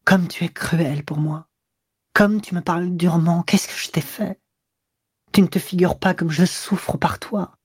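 A man voicing a tearful middle-aged woman who pleads with her lover in an audiobook, raising his voice higher and louder as she grows more desperate. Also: moderate pace, breathy edge, dry recording, studio quality. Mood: pleading. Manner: imploring, wounded.

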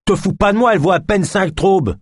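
A man's voice: high voice, fairly quick, breathy edge, dry recording, clean studio sound, voice pushed up. A man voicing a burly young street gang member who taunts and bargains with swagger. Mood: cocky.

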